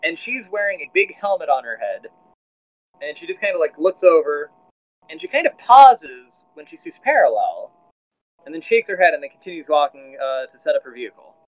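A man's voice: a little high, very animated, brisk. A man running a tabletop role-playing game as game master, narrating casually with many fillers. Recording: dull lo-fi sound with faint music.

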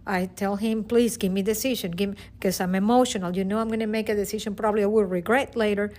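Quick and steady, a slightly mellow mid-range voice belongs to a middle-aged Venezuelan teacher speaking as a guest. With her Venezuelan Spanish accent, she offers an earnest, emotional personal account, frequently starting over.

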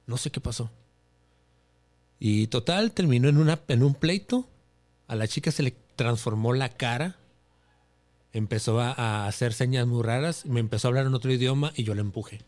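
A young man with a Mexican accent tells a personal story on a podcast. He talks in a lively way and acts out, with his own voice, the dialogue he remembers. His voice sits at a medium pitch. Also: normal speed. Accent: Mexican Spanish. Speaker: podcast guest, influencer.

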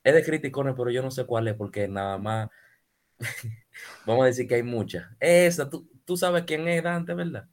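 Joking Dominican man, chatty and animated. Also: mid-range voice, normal speed. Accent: Dominican Spanish. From Dominican Republic. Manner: animated, joking, repeats words. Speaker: podcast co-host. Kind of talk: casual chat.

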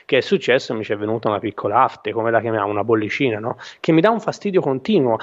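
A man hosting a casual live radio show from a small room at home, talking in a halting, rambling, self-correcting way. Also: medium pitch. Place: small room at home, not a proper studio. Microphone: home microphone with headphones. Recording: dull small-room home broadcast, slight echo.

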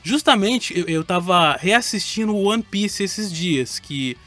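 A man's voice: high voice, animated, unhurried, pushed and bright, soft background music. A man with a Brazilian Portuguese accent hosting a casual podcast chat, rambling and correcting himself as he goes. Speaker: podcast host.

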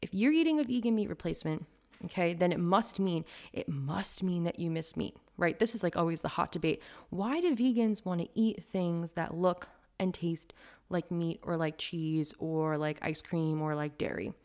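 A young woman who blogs about vegan food talks casually to the camera, animated and ranting, with lots of "like" as filler. Her voice is on the low side and her pace is moderate.

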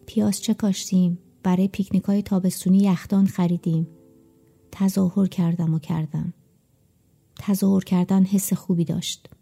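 A woman narrates a first-person story in audiobook style, her voice dark and very mellow with a gravelly texture. She reads at a measured, reflective pace, and soft music plays faintly underneath. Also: medium pitch.

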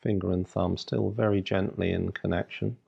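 A man leading a guided meditation, giving soothing, unhurried instructions in short phrases with long pauses, on a slightly dull recording. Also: deep voice, level tone, creaky, a little mellow, slightly rough.

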